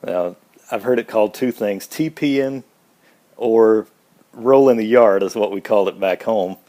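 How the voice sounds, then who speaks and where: A man's voice: on the low side, moderate pace, dark tone. A man with a Southern accent from Mississippi, speaking casually and informally in a laid-back, folksy way. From Mississippi, United States. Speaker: speaker answering an accent questionnaire. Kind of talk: casual informal word list and question answers.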